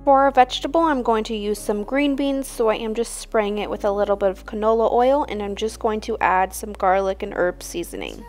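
A young woman hosting a cooking channel, explaining each recipe step in a relaxed, casual voice-over. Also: medium pitch, fairly quick, few pauses, soft background music.

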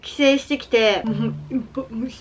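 A woman's voice: fairly high pitch, steady tone, a little slow, dull audio, background noise. A young woman with a Kansai accent, chatting casually and giggling as she eats at the table for her vlog. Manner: chatty and giggly, self-deprecating. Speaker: vlogger. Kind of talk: casual chat while eating. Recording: background music under the voice.

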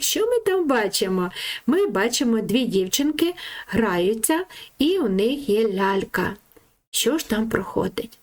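Woman teaching children to read. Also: fairly high pitch. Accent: Ukrainian. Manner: slow syllable-by-syllable reading with lively questions. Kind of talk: home reading lesson for young children.

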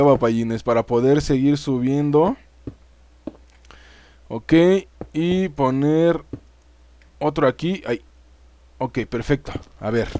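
A gaming YouTuber with a Mexican accent delivers casual let's-play commentary, talking straight to his viewers and swearing freely. His voice is a little high with a darkish tone, and there's no echo.

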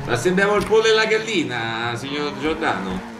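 Animated man role-playing a lawyer in a game. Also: fairly high pitch, normal speed. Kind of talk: improvised in-character game chat. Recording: roomy sound with clear game noise.

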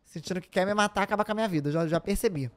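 A woman's voice: mid-range voice, racing. A woman with a Brazilian accent doing casual, dramatic gameplay commentary, chatting back at the game. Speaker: gaming video host.

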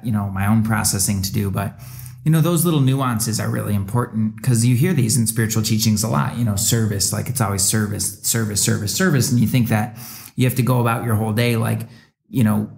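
A man's voice: on the low side, vocal fry, a little mellow. A young adult man co-hosting a podcast, reflective and rambling, with many restarts and fillers. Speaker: podcast co-host. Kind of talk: reflective casual chat.

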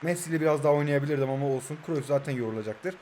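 A man in his twenties from Turkey, joking and mocking himself as he commentates his own mobile football game, and breaking into excited play-by-play. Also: on the high side, very fast, a little hiss or hum. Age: 20s. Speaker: mobile football gaming YouTuber. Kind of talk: live gameplay commentary.

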